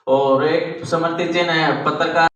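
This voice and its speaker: Even-toned man announcing, very echoey. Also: a little high, a little slow. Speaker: event announcer. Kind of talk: formal ceremony announcements. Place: reverberant event venue, distant mic. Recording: very echoey, picked up from far off.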